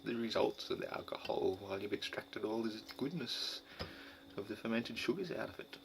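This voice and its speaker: A middle-aged Australian man with a gravelly voice, rambling casually and crudely in a drunken, jokey way. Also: fairly low pitch, expressive, normal speed. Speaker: vlogger and home brewer. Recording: noisy home recording with clicks.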